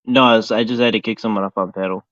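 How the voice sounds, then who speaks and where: A man's voice: lowish voice, steady tone, rapid-fire, fairly bright tone, dry recording. An American man hosting a voice chat, talking in a laid-back, hesitant way. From United States. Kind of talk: casual chat. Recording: dull lo-fi sound.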